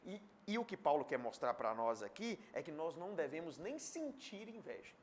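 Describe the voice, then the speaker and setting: A man preaching a sermon as pastor, swinging between loud emphasis and hushed asides, and acting out imagined people in quotes. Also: a little high, sing-song, moderate pace, slight background noise. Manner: acts out imagined speakers in direct quotes.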